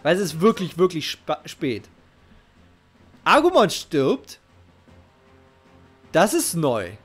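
Here a middle-aged game streamer gives casual live commentary, invested and emphatic, circling back to the same phrases. His fairly high voice swings hugely in pitch while he talks slowly. The sound comes from a close headset microphone in his indoor home setup, and game music runs in the background.

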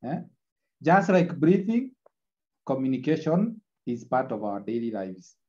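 A man's voice: mid-range voice, big pitch swings, a little slow, darkish tone, highs cut off. Man lecturing on a screen recording. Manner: repetitive, checks in with tag "eh?". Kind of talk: online class lecture.

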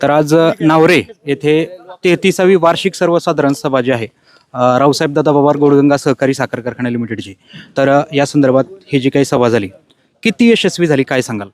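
A man's voice: medium pitch, a little fast. A man working as a reporter, asking interview questions with hesitant filler sounds.

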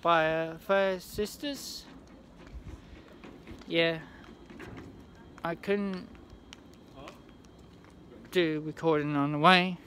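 A young man vlogging on a railway platform, talking in a halting, rambling way with many restarts, into a phone held at arm's length. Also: a little high, steady tone, a bit bright, slight background noise. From England. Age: young adult. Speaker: trainspotting vlogger. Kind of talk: casual handheld vlog. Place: outdoor railway station platform.

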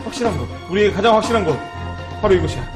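A man's voice: high-pitched, animated, rapid-fire. A man streaming a game live, chatting and thanking viewers in a sing-song way, teasing and joking as he plays. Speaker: internet streamer. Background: game music.

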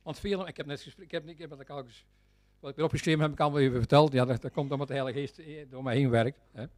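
A man with a Flemish accent preaching a sermon, fervent and repetitive, swinging between loud exclamations and quiet, intense stretches. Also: on the high side, fairly even intonation, racing, no echo.

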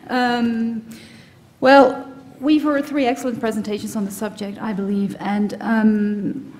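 A woman moderating a panel, speaking hesitantly with frequent pauses. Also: fairly high pitch, level tone, a little mellow. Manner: hesitant, many fillers. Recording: long hall reverb and clear background noise.

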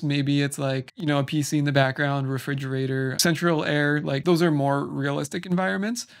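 A young man filming a casual vlog at home, walking through his camera setup in a relaxed, chatty way. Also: fairly high pitch. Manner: relaxed, chatty, explains gear step by step. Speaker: YouTuber. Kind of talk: casual gear walkthrough vlog. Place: home room by a noisy computer. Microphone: studio microphone into computer.

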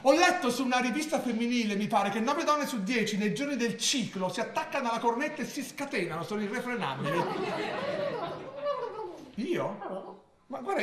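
An actor on stage playing a vain, fussy, melodramatic man, theatrical and prissy, prone to sudden outbursts. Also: very high-pitched. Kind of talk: live stage monologue. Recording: echoey theatre with audience laughter. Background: audience laughing.

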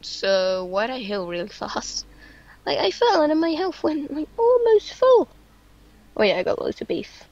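A young woman chatting excitably as she hosts a casual gameplay let's play. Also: sits high, a little slow. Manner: chatty, excitable, sing-song chanting. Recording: dull lo-fi mic.

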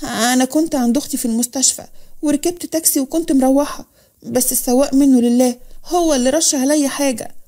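A woman's voice: sits high, fast talker, warm tone. A woman voicing a scared, bitter young woman with an Egyptian accent, talking in an anxious, pleading way.

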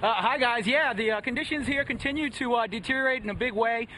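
High-voiced male storm reporter in noisy wind. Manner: hesitant, halting delivery. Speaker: TV field reporter. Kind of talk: live storm report from outdoors. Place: outdoors on a seaside boardwalk in a hurricane. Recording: loud wind and surf noise. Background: wind and crashing waves.

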